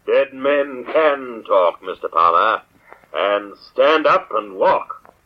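An actor playing an ominous avenger who speaks for the dead in an old-time radio drama, with slow, theatrical, menacing proclamation. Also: male voice, medium pitch, expressive. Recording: dull old radio recording with music.

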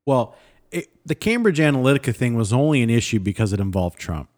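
A man's voice: mid-range voice, sing-song, brisk, a little mellow. A man in a casual discussion who speaks bluntly, with a sarcastic edge.

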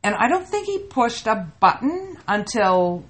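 A middle-aged woman from Canada tells stories in casual podcast chat, her fairly high voice rising and falling widely. She talks with animated energy, laughing through the funny parts. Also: a little slow. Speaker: podcast co-host.

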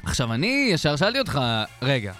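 A man's voice: fairly high pitch, sing-song, a bit bright, soft background music. A man co-hosting a podcast in casual chat, teasing and reacting to his co-host. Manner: reactive listener, teasing, quick interjections.

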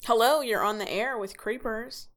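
A woman's voice: fairly high pitch, moderate pace, heavy background noise, natural voice. A woman playing a radio call-in show host, casual and skeptical with her callers. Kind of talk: late-night radio call-in acting.

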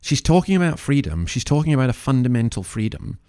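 A man's voice: mid-range voice, very animated, fast, warm tone. Earnest man giving opinionated commentary. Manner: emphatic, earnest, moralising, with rhetorical questions. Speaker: commentary podcast host.

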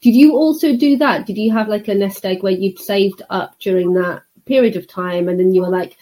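A woman's voice: mid-range voice, moderate pace, dark tone, poor audio. A woman interviewing conversationally as a podcast host, musing at some length before her questions.

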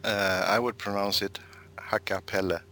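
Deep, flat-voiced man on a Skype call. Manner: measured, hesitant with filler pauses. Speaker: interview guest, game designer. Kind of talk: interview answers. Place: home. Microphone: Skype call from home.

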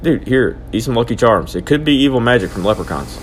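An actor playing an excitable young man who rants theatrically about his odd grudges. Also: mid-range voice, fast, slight background noise, close to an everyday voice. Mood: goofy. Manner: dramatic, ranting, overblown. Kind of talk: hobby audio drama.

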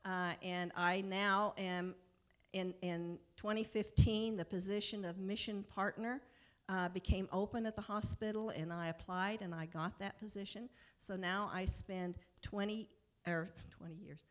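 A middle-aged or older American woman, a mission partner for a hospital, speaks as a guest before a congregation in an informal, enthusiastic personal talk. Her voice is medium-pitched and fairly bright.

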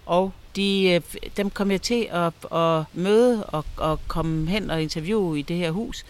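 A man who is an author and a guest, telling eerie stories in a lively way during a conversation. He often repeats words as he restarts a thought. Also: sits high, smooth. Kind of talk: storytelling in a conversation.

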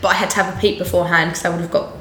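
A woman's voice: on the low side, level tone, rapid-fire, a bit bright. Essex woman, stage performer, chatty and giggly, roomy echo with faint hiss. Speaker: musical theatre performer. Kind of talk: casual interview chat.

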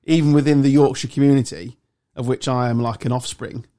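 An English man in a loose podcast chat, joking and swearing as he argues his corner. His voice sits at an ordinary middle pitch. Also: steady tone, a little fast, mellow. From England. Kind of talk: casual podcast banter.

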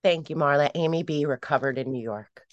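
A woman reading a passage aloud at a meeting in a steady, measured way over a video call. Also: sits low, dull audio.

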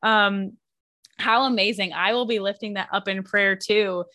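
Bright, gushing woman host. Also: mid-range voice, fairly even intonation, unhurried, no room sound, studio quality. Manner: enthusiastic, gushing. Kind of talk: casual chat.

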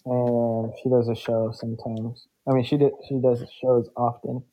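A man's voice: medium pitch, flat delivery, moderate pace, lo-fi sound. Rambling casual young-sounding man. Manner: rambling, filler-heavy, uses "like" a lot. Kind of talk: casual chat.

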